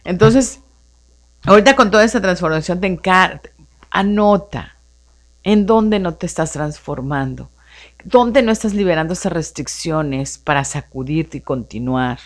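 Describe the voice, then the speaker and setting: Speaking a little slowly in a fairly low voice, a female radio host coaches her live audience on personal growth. Her tone is animated, built on a string of rhetorical questions, with "entonces" and "no?" cropping up frequently.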